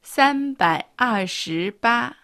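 A woman in a radio language lesson, giving model pronunciation in a careful, deliberate way. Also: on the high side, expressive, bright, forceful tone. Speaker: native-speaker model reader.

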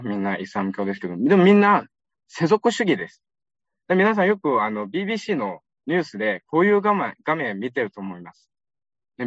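Lively young man giving a talk. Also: medium pitch, dry recording, low-quality recording. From Xinjiang, China. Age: young adult. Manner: lively, chatty storytelling with asides to the audience. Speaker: lecturer. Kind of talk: public lecture.

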